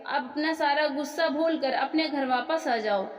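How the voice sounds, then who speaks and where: A woman's voice: high voice, moderate pace, soft background music, natural voice. A woman voicing a stern, reproachful young husband. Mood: calm. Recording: echoey room with long reverb.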